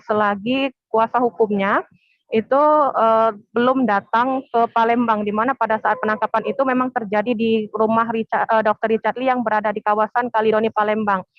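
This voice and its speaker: A woman reporting live by phone, speaking hesitantly with many filler pauses. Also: on the high side, no room sound. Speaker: field reporter. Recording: tinny phone line, dry, faint music.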